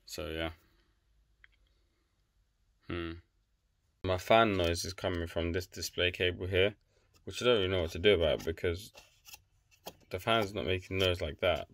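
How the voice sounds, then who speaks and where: A man's voice: low voice, a bit bright, no echo. A man narrating a home computer repair casually, rambling and thinking aloud with self-deprecating remarks. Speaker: DIY tech vlogger.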